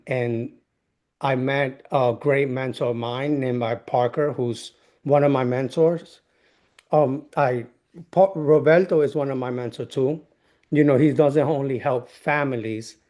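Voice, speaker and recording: A man's voice: medium pitch, darkish tone. Earnest man with a Dominican accent. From New York. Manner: halting, many fillers and restarts, earnest. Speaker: guest. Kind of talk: interview conversation.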